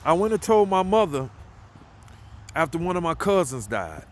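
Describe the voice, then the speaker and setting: A man's voice: a little high, big pitch swings, moderate pace, darkish tone. A man talking casually while walking outdoors at night, telling a rambling, conversational story and repeating himself. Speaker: vlogger.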